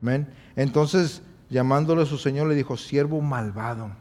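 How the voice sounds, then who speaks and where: A man's voice: on the high side, fairly even intonation, moderate pace, darkish tone, big-room sound. A man preaching a sermon, asking his listeners questions and then answering them himself. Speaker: pastor.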